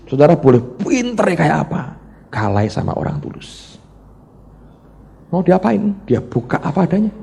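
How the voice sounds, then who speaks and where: A Javanese-accented male pastor preaches a sermon with a gravelly, dark timbre. He swings between loud bursts and hushed asides. The sound rings out through a reverberant church hall. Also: mid-range voice.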